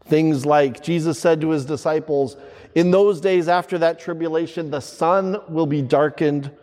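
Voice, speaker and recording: A priest reading the Gospel and preaching in a slow, measured liturgical manner, his voice carrying a long cathedral-like echo. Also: on the high side, darkish tone. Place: large church. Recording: church hall with long reverb.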